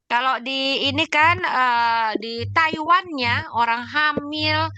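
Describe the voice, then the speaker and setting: A woman's voice: high-pitched, slow pace, bright, forceful tone, highs cut off, slight background noise. A woman doctor answering questions in an online session, explaining in an emphatic way and listing examples.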